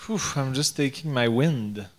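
With a mid-range voice, this French speaker with a Quebec accent cracks casual jokes and gropes for words in faltering English.

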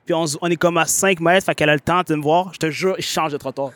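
A young man with a Quebec French accent talks quickly and brightly, jumping in with jokes. His voice is high for a man, and the sound is close and dry. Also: steady tone, no room sound. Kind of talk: casual podcast chat.

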